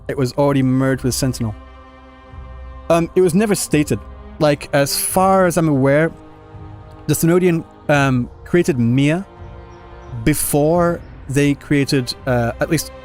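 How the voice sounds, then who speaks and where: A man streams a game with game music behind him, answering viewer comments casually in a rambling, stop-start way. Close-miked, his voice sits on the high side and sounds a little mellow.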